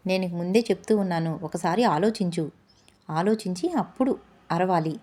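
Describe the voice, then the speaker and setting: A woman voicing a gentle, wise magical bull in a children's storybook, speaking softly and patiently. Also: fairly low pitch, moderate pace, lightly acted. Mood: gentle advice. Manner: soft-spoken, patient teaching.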